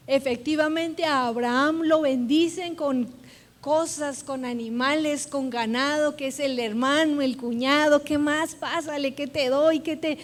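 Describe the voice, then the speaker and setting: A woman preaches a sermon in a church, her high voice carrying a long reverb through the hall. She speaks slowly and earnestly, asking her listeners questions directly as she builds her point. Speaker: pastor. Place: church sanctuary.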